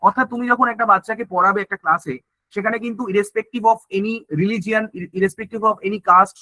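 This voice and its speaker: A man's voice: high-pitched, sharp tone, dry recording, rough recording. A male teacher giving an online exam-prep lecture, often asking and answering his own questions and checking in with "okay?". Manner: mixes English terms into Bengali, repeats "ঠিক আছে?" often.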